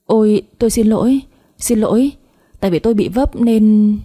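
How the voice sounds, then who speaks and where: A clumsy, flustered young man in a spoken story, stammering polite apologies, as a woman narrator voices him. The voice is mellow and a little breathy. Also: medium pitch, fast, close to an everyday voice.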